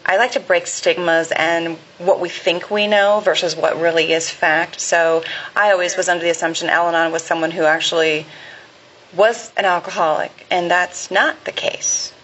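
A woman's voice: on the low side, steady tone, moderate pace, a bit bright, slight background noise. A woman host asking an interview question, with short encouraging affirmations. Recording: dull lo-fi audio.

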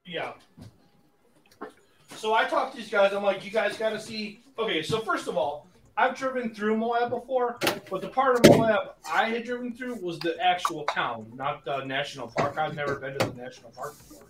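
Man, rambling, filler-heavy, fairly high voice, casual chat, echoey room, faint music. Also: normal speed, very noisy. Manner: rambling, animated, many fillers. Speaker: podcast co-host.

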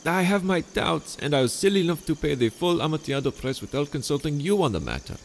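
A man voicing a crafty nobleman who flatters and feigns concern in a smooth, mock-solicitous way. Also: a little high, quick pace, a little hiss or hum, pitched above the performer's own voice. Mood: flattering.

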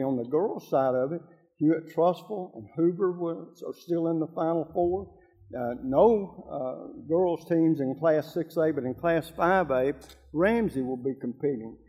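A man with an American accent and a slightly high, mellow voice. He hosts a sports talk show conversationally, in a folksy manner that speaks directly to listeners. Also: poor audio. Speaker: host of a local high school sports show.

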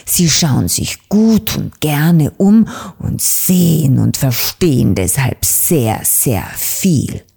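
Lady doing a bossy old raven woman, deep creaky voice, booms and scolds, slow, storybook. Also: very animated, dark tone, exaggerated voice. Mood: lecturing. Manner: booming, scolding. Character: stern old female raven councillor, bossy.

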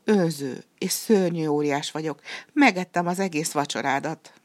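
A woman voicing a gentle, bewildered male giant in a storybook reading, speaking slowly and softly. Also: deep voice, expressive, creaky, slightly rough, no room sound, heavily acted. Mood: tearful.

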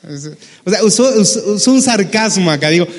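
A man, a pastor preaching a sermon, lively and humorous, acting out the people in his Bible stories. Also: sits high, a little fast, long reverb tail. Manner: animated, acts out Bible characters with humor.

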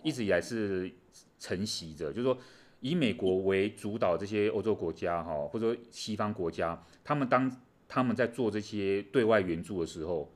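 A man's voice: lowish voice, moderate pace. A man co-hosting a casual chat on world affairs, explaining things animatedly with many fillers. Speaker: co-host.

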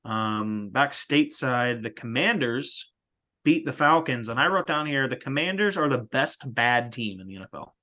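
A man's voice: mid-range voice, lively intonation, normal speed, pushed and bright. A young man co-hosting a sports podcast, talking casually and joking, often trailing off into fillers. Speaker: podcast co-host.

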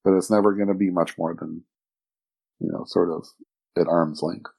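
Low, mellow-voiced man musing. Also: steady tone, moderate pace, gravelly. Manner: reflective, rambling with frequent restarts. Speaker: guest, fantasy author and editor. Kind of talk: podcast conversation.

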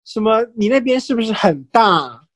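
A man's voice: high voice, moderate pace, no echo. A man co-hosting a podcast, telling gossipy stories in casual chat, mixing in English phrases. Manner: animated, gossipy storytelling mixing Chinese and English. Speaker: podcast co-host.

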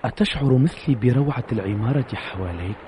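A man acting a pensive ancient army officer in an old radio show. His voice is mid-pitched, solemn and formal, over faint hiss. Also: expressive, fast, dark tone, natural voice. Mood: brooding. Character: brooding, deferential male officer, thoughtful companion to commander.

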